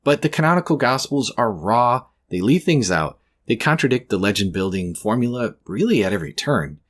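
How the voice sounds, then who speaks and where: A man's voice: medium pitch, big pitch swings, fairly quick. A man delivering scripted, conversational video commentary as a host, with wry, sarcastic asides.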